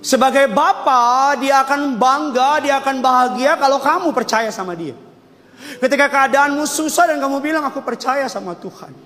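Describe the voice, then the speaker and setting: A man preaching a lively sermon in church, joking and calling on the congregation to answer back. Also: very high-pitched, moderate pace. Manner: animated, joking storytelling preacher. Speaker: pastor. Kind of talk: lively sermon with call and response. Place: church service. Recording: long hall reverb, faint music behind.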